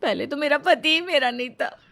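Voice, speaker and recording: A young wife, hurt and ready to argue , as a woman narrator puts her on in a cartoon story. The voice is high and bright, rising sharply when she complains. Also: big pitch swings, a little slow, exaggerated voice. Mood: tearful.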